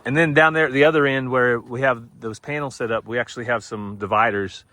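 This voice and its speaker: A man's voice: mid-range voice, fairly even intonation, a little fast, bright, forceful tone, no echo. A man chatting casually and teasing outdoors on his farm as a vlog host. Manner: folksy, teasing, drawling farm talk. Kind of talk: casual chat. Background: farm animals.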